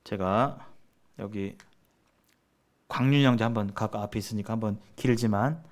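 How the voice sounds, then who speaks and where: His voice sits on the low side and moves at a normal speed. He's teaching church members in a seminar, explaining ideas and questioning the audience in a conversational way that resembles a sermon.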